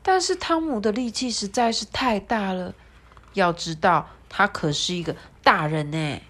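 A woman reads a children's story aloud, gentle and sing-song. She rises and dips to voice the characters as she goes. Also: medium pitch, measured pace.

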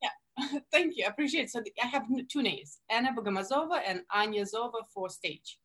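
A woman's voice: a little high, fairly quick. A woman in her thirties from Russia with a Russian accent, a guest telling stories in a casual interview with plenty of fillers. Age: 30s. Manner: animated storytelling with many fillers.

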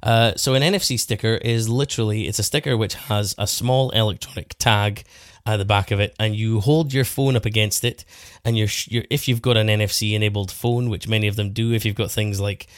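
A man's voice: fairly low pitch, steady tone, a little fast, dry recording. Chatty man on a dry mic. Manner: chatty, bantering. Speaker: podcast host. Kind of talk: casual chat about car detailing.

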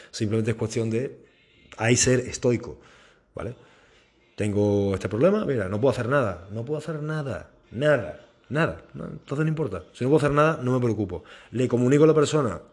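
Casual rambling man, low voice. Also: slightly rough. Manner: rambling, animated, swears freely, mimics engine sounds. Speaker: podcaster telling personal stories. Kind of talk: casual storytelling monologue.

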